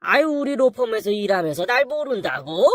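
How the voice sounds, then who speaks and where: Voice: medium pitch, very animated, moderate pace, dry recording, studio quality, pitched above the performer's own voice, close to an everyday voice. A narrator playing a haughty law firm boss. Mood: puzzled. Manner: condescending, lecturing. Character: arrogant middle-aged male law firm boss.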